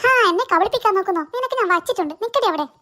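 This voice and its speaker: A woman voicing a shrill scolding cartoon mom. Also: animated, racing, noisy background. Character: scolding strict cartoon mother.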